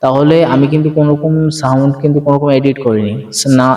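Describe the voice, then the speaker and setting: A quick-talking man demonstrates his phone microphone, and his voice comes through its echo mode, ringing with a reverb effect. He talks casually and keeps checking whether his listeners are following. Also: mid-range voice, mellow, highs cut off. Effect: echo mode of the microphone switched on. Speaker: content creator. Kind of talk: casual product tutorial. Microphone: handheld wireless phone microphone.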